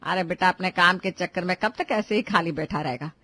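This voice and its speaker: A woman's voice: fairly low pitch, brisk, pushed and bright, dry recording, pitched below the performer's own voice. A woman voicing a scolding middle-aged mother who lectures her grown son. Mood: worried. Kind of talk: Hindi cartoon voice acting.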